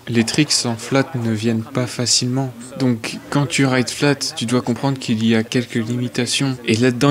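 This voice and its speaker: A man giving a voice-over translation of an interview, reading both the questions and the answers in a plain, even way. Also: medium pitch.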